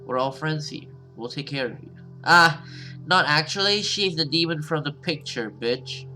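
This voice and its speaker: Here a gaming YouTuber's voice sits a little high, expressive and pushed bright at a moderate pace. He reads a visual novel's story aloud between casual, hesitant let's play remarks, with the odd swear word. Game music plays in the background.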